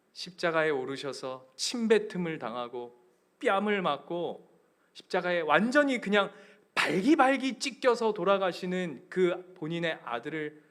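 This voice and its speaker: A male pastor preaching a Sunday sermon with a Gyeongsang accent. He drops to hushed near-whispers, rises to loud emphatic cries, questions his congregation and leads them in reading scripture aloud. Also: sits high. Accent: Gyeongsang Korean. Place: church sanctuary.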